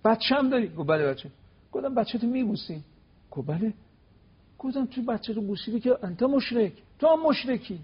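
A man giving an animated religious talk on television, telling stories and acting out quoted exchanges with emphasis. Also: breathy edge, muffled recording. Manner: emphatic, acts out quoted dialogue with rising pitch. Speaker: cleric guest on religious TV talk. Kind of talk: animated religious lecture with storytelling.

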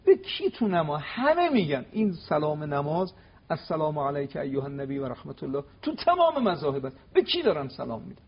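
A man giving an animated religious talk on television, telling stories and acting out quoted exchanges with emphasis. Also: slightly rough, lo-fi sound. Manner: emphatic, acts out quoted dialogue with rising pitch. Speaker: cleric guest on religious TV talk. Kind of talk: animated religious lecture with storytelling.

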